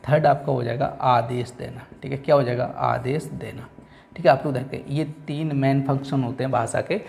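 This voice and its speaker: Gravelly guy teacher going over exam questions, keeps repeating answers. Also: medium pitch, fairly even intonation, darkish tone. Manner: repeats answers with "ठीक है", reads questions slowly. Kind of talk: exam-prep lesson. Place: coaching classroom.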